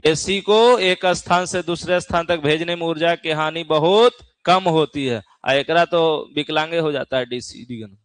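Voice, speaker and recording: A man's voice: on the high side, normal speed, hardly any pauses, smooth, no room sound. A male physics teacher, lecturing a class in a chatty way, teasing students and often checking that they follow. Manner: keeps asking the class "theek hai na?".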